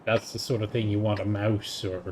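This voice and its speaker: A man hosting a video game stream delivers flat, moderately paced commentary in a fairly low voice as he plays. His remarks are casual, dry and wry, half muttered to himself, with the game's tank engines and combat sounds clear in the background.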